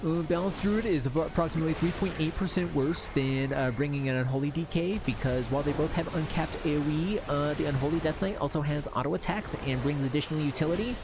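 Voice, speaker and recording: A man's voice: a little high, fast, few pauses, music in the background, voice pushed up, natural voice. A man putting on a nerdy know-it-all voice, lecturing pedantically about numbers and optimal picks. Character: nerdy know-it-all male theorycrafter reciting stats.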